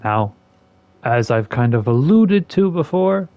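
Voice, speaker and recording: A man's voice: slow, no echo, narrow, tinny audio. A man ranting sarcastically about a game while playing it, in an exasperated, casual commentary style. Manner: exasperated and sarcastic, with lively swings in pitch and loudness. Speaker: gaming content creator.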